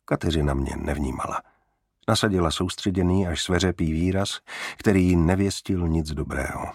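A man narrating a first-person crime novel in a measured, wry way. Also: deep voice, creaky, slightly rough, no room sound, clean studio sound. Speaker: audiobook narrator.

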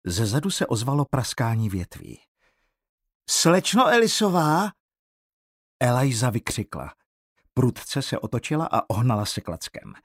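A man narrating an audiobook in a measured, suspenseful reading. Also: medium pitch, lively intonation, slightly rough, no room sound, clean studio sound. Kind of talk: scripted narration.

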